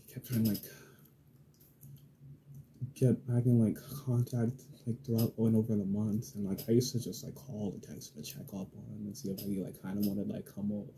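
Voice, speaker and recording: A man's voice: fairly low pitch, little pitch movement, moderate pace, mellow, a little hiss or hum. A young man telling a story in a casual, rambling way, full of fillers and swearing, getting heated. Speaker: vlogger.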